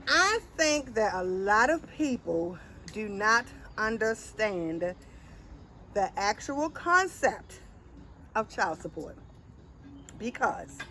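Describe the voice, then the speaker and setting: Animated woman hosting a casual chat. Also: on the high side, slight background noise, poor audio. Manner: animated, laughs often, drawn-out playful asides. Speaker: host.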